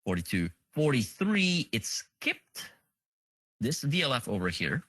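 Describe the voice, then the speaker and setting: A man's voice: mid-range voice, sing-song, a little slow, fairly bright tone, no room sound, poor audio. A man presenting a technical session, talking through a live demo, counting items on screen and thinking aloud with frequent fillers. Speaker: conference presenter.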